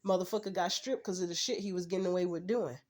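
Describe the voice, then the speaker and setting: A woman's voice: lowish voice, fairly even intonation, quick pace, darkish tone. A woman ranting to her vlog audience in a profane, heated, blunt way. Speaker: channel host. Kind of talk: angry personal rant vlog.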